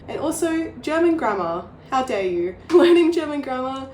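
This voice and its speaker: A woman's voice: high-pitched, big pitch swings, moderate pace, a little mellow, slight background noise. A woman, a former exchange student, giving enthusiastic, gushing casual interview answers. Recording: echoey room.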